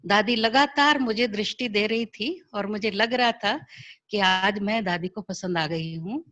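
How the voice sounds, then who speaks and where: A woman's voice: medium pitch, a little slow. A middle-aged woman telling her personal spiritual story over a video call, acting out the voices of people she quotes. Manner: lively, acts out quoted dialogue. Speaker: spiritual sister sharing her experience.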